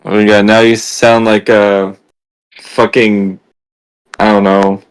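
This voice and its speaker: A man's voice: lowish voice, level tone, takes it slowly, clean tone, rough recording. A man chatting casually in a gaming voice chat, swearing and laughing with friends. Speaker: podcast co-host.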